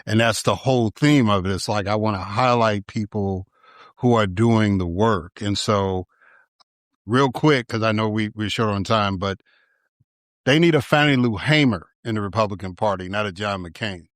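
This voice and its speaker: A man from Chicago hosting an interview, speaking in a relaxed, conversational way and often restarting his phrases. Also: lowish voice, normal speed, no echo, studio quality. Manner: relaxed, conversational, stumbles over starts. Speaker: podcast host.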